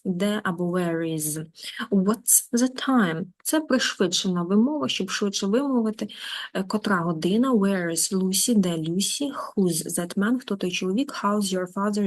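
A woman's voice: medium pitch, a little mellow. A middle-aged woman teacher giving an online lesson, reading short English examples and explaining each one in her own language.

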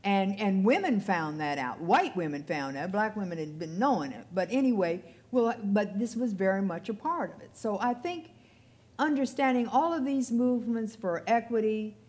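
An older woman talks on a discussion panel, conversational and thinking her points through aloud. Her pitch sits in a middle range for a woman. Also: lively intonation, normal speed, a little mellow. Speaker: librarian and archivist on a panel. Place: event hall with audience.

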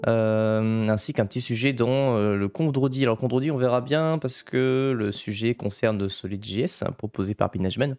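A man's voice: medium pitch, normal speed, few pauses, clear, resonant tone. A man chatting casually on a live stream, greeting viewers one by one. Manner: greets chat by name, chatty and lively.

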